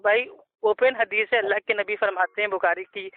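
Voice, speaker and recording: A man's voice: high-pitched, steady tone, normal speed, no echo. A man in a heated religious debate, combative and mocking as he lectures his opponent. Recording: tinny phone line.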